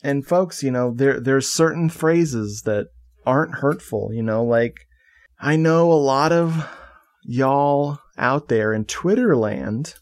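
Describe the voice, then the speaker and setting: A man co-hosting a podcast, chatting casually in a loose, joking way and swearing freely. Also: mid-range voice. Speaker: podcast co-host. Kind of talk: casual chat.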